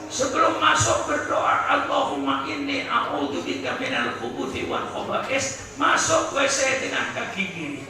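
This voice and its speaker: A man's voice: extremely high pitch, very animated, a little slow, hardly any pauses. A man preaching a humorous sermon to a live congregation, joking, asking the crowd for agreement and acting out household exchanges. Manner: jokey, asks the crowd for agreement, acts out short household exchanges. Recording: very echoey hall, voice far from the mic, crowd audible.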